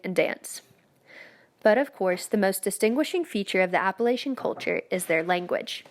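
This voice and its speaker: Woman reading a scripted class presentation. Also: mid-range voice. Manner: reads steadily, stresses example words. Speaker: student presenter. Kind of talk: scripted narration.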